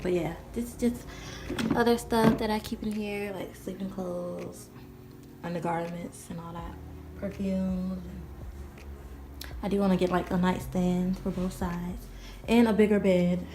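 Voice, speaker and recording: A woman's voice: mid-range voice, warm tone. A woman of twenty giving a casual, rambling vlog tour, full of "like" and "you know". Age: 20s. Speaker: vlogger. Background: background music.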